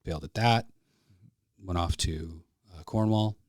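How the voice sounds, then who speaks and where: As a studio podcast guest, a plain-spoken flight service specialist in his fifties, Canadian-accented and from Alberta, shares casual stories. His voice is low and a little mellow, and he speaks a little slowly. The recording is dry.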